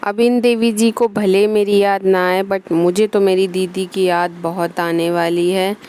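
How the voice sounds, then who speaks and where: A woman's voice: medium pitch, flat delivery, a little slow, a little mellow, faint music behind. A young woman narrating a family trip in a casual vlog voice-over, telling it fondly. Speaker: family vlogger.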